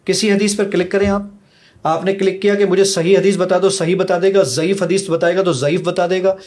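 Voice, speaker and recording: A man's voice: high-pitched, fairly even intonation, a little mellow. A man eagerly demonstrating his own app in a podcast conversation, counting seconds aloud. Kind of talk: podcast conversation, product demo.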